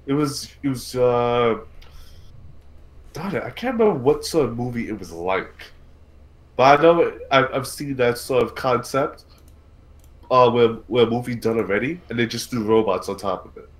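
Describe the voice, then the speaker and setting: Speaking with lively intonation in a mid-range voice, a man hosts a casual podcast stream about movies and games, stumbling and repeating words as he thinks aloud. The recording quality is rough.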